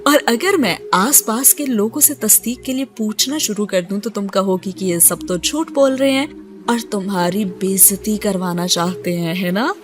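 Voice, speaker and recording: A woman voicing a playful, teasing young male student in a romance audiobook, speaking gently and without hurry. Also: mid-range voice, close to an everyday voice.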